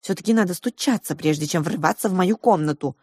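A woman's voice: lowish voice, fast talker, a little mellow, husky, no room sound, clean studio sound. A woman voicing a flustered, bossy young nanny in a storybook reading, scolding.

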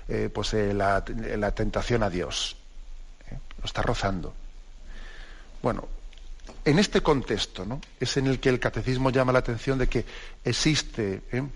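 Priest giving a chatty radio catechism talk. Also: male voice, medium pitch. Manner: informal, keeps asking listeners "no?", hesitant fillers.

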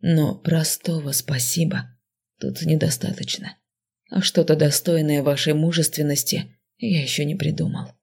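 A teasing dark mage speaks slowly, his voice pulled low and soft with amusement, put on by a woman narrator. There is a gravelly edge under his words. He sounds quietly mocking and sure of himself. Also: flat delivery, full character voice. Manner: low, slow, mocking murmur. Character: smug teasing male dark mage dean.

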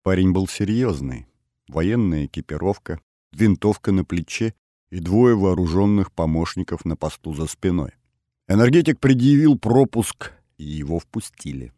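A man with a very low, dark voice reads a first-person adventure audiobook. His delivery stays even and matter-of-fact. The recording is dry and close. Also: moderate pace, no echo. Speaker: audiobook narrator.

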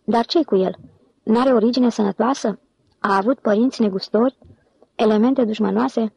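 A man's voice: sits high, vocal fry, darkish tone, breathy edge, dry recording, heavily acted, low-quality recording. A woman voicing a cold, reserved male office clerk who speaks coolly and curtly. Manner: cool, curt.

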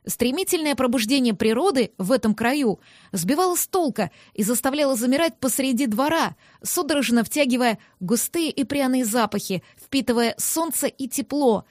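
A woman giving lively, expressive first-person narration of an audiobook. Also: high voice, normal speed, dry recording, studio quality.

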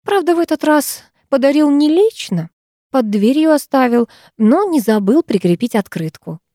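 A cooing, solemn middle-aged chemistry teacher, as a woman reads her out in a storybook. She gushes with pride in a mellow, warm tone. The sound is close and dry. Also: sits high, big pitch swings, normal speed, dry recording, voice pushed up. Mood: gushing.

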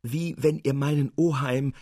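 A man's voice: medium pitch, fairly even intonation, measured pace, dark tone, dry recording, studio quality, voice pushed up, natural voice. A man reading as an anxious young niece, raised and pleading. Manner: pleading, earnest and agitated. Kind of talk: reading aloud a literary tale.

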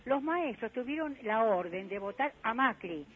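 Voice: mid-range voice, animated, moderate pace, husky, narrow, tinny audio. A schoolteacher leaving a voicemail for a radio show, complaining angrily and indignantly.

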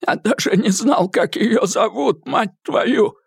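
A man's voice: high-pitched, takes it slowly, vocal fry, slightly rough, no room sound, studio quality, pitched above the performer's own voice, exaggerated voice. A man voicing a panicked, bleeding male thug who pleads and screams out of breath in an audiobook. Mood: whining. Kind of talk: audiobook character voice.

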